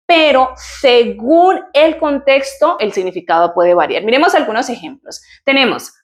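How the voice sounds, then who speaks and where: A patient woman teacher with a slightly high voice whose first language is Spanish. She explains grammar step by step and says each English example slowly, several times over. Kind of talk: recorded online lesson, explaining grammar.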